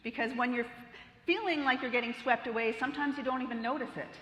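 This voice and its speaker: A middle-aged woman delivers a keynote in a bright, slightly high voice. She talks in a lively, playful way, tossing questions to the audience. Her voice rings out through a large, echoing hall. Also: quick pace. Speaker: keynote speaker. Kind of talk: conference keynote talk. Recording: roomy hall reverb.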